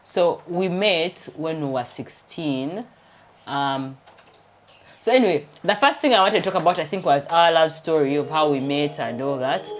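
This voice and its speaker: In this casual home vlog, a thirty-something Ugandan doctor and vlogger rambles chattily and laughs a lot. She has a low voice with lively intonation, a Ugandan accent, and an ordinary pace.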